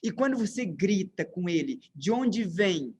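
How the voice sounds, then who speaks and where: Brazilian guy giving a parenting talk, high voice, keeps asking the crowd questions and answering them, emphatic teacher vibe. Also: big pitch swings, measured pace, darkish tone, slight background noise. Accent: Brazilian Portuguese. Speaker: parenting speaker. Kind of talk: lecture on emotional parenting. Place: lecture room with slides.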